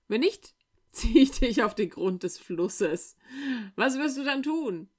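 A woman's voice: on the high side, animated, slow, voice pushed up. A woman putting on a demanding serpent king. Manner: demanding, threatening. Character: possessive male serpent king of the water.

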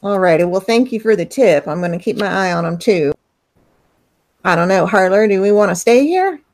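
A woman's voice: mid-range voice, expressive, moderate pace, darkish tone, dry recording. A woman with an Appalachian accent, role-playing casually in a tabletop game with folksy, plain-spoken hillbilly talk. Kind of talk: in-character role-play, casual.

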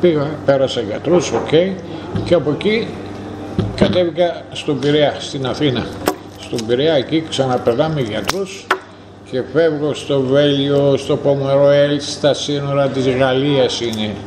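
An older man from northern Greece, a former coal miner, telling his life story in a rambling, vivid way and acting out old conversations. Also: mid-range voice. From Thrace, northern Greece. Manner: rambling, vivid, acts out dialogue. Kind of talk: storytelling interview. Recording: noisy background.

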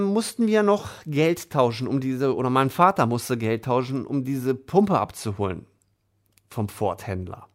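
A man's voice: medium pitch, vocal fry. Chatty German-speaking man telling a story. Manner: colloquial, chatty, lots of tag questions. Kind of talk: casual anecdote.

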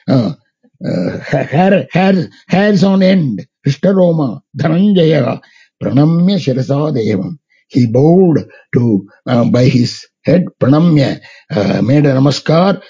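A man with a South Indian accent delivers a religious discourse in a fairly high, husky voice. He moves between Sanskrit verse and halting explanation, putting questions to his listeners. The recording is dull and muffled. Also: mellow. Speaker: religious teacher. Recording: muffled, lo-fi sound.

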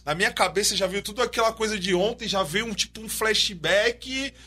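A man telling a story to friends in casual chat, animated and slangy, acting out the dialogue. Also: sits high, brisk.

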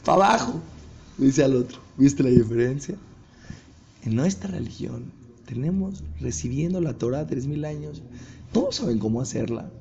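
A man's voice: medium pitch, normal speed, vocal fry, dull audio, slight background noise. A man, a rabbi giving a sermon and acting out the voices of a story. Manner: animated storyteller acting out dialogue.

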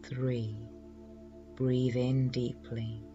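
A man leading a guided relaxation in a slow, soothing hypnotist's manner, measured and full of pauses. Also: mid-range voice, flat delivery, lo-fi sound, music in the background.

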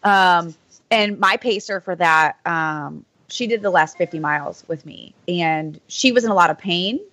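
A woman's voice: lowish voice, a little slow, a bit bright, no echo. Chatty woman ultrarunner, dry close sound. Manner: chatty, laughs often, many "like" fillers. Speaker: podcast guest, ultrarunner. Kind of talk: casual chat.

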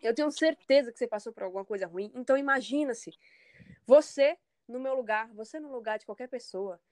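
A woman's voice: a little high, brisk, a little mellow, no room sound. Candid Brazilian woman singer, dry sound. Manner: candid, emphatic, acts out others' comments. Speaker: singer being interviewed. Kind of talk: casual interview talk.

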